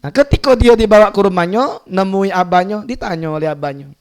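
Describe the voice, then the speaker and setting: A man preaching in a Palembang Malay accent, telling a religious story in an animated way and acting out the characters' speech. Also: sits high, fairly quick, clear, resonant tone. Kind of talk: sermon storytelling. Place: mosque gathering.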